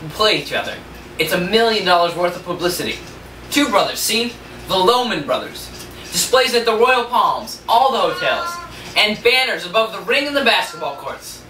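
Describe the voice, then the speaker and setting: A young man in an amateur scene playing an eager younger brother who excitedly pitches a business scheme, recorded on a distant camera mic. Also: normal speed, exaggerated voice. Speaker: student actor. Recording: roomy, distant camera mic, faint hiss.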